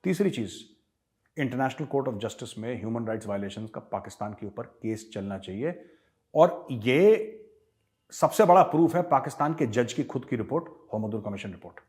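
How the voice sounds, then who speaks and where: A man's voice: medium pitch, lively intonation, moderate pace, a little mellow. An emphatic man with an Indian accent, hosting a casual Q&A with viewers and switching between Hindi and English. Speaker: host answering viewer questions. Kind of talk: casual commentary Q&A.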